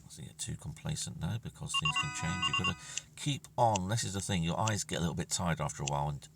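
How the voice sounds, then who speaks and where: This gamer talks fast in a low-pitched voice with vocal fry, muttering commentary on his own play and often lapsing into near-whispers. Background noise is heavy, captured by a distant mic with music playing.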